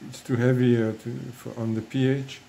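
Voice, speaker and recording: A man's voice: medium pitch, little pitch movement, moderate pace, dark tone, a little hiss or hum, rough recording. A man with a French accent talking casually about his fish breeding, hesitant and full of fillers and restarts. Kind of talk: casual hobby vlog.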